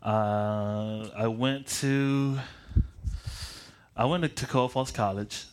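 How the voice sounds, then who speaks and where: Slow and steady in a fairly low voice, this late-20s Michigan pastor prays and then presents himself as a preacher with casual self-deprecation. He paces, chuckles, and frequently restarts phrases over slight background noise.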